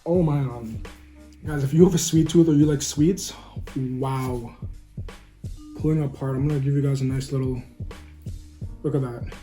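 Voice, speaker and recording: Faint music plays behind an upbeat food vlogger who chats with viewers, calling them "guys" and savoring bites as he eats and talks. His medium-pitched voice is dark and steady, at normal speed with frequent pauses.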